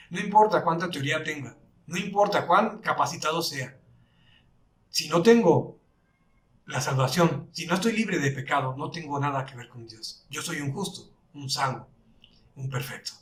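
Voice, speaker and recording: A man's voice: on the high side, lively intonation, normal speed, reverberant, far from the mic. A man from Mexico with a Mexican Spanish accent, telling his personal testimony in an earnest storytelling way, acting out what people said to him. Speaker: church member giving testimony.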